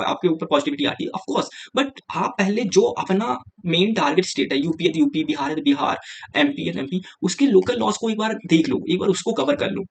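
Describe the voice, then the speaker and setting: With a high-pitched, gravelly voice, a young man teaches exam preparation to his viewers. His lecture is casual and direct, mixing Hindi and English, with "yaar" coming up often.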